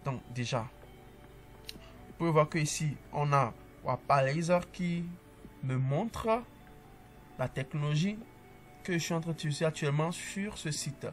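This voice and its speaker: Relaxed man walking through code. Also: on the high side, unhurried, long pauses, faint music behind. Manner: relaxed, talks through each step as he types; upbeat asides to the viewer. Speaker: coding tutorial instructor. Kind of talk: casual screen-share coding tutorial.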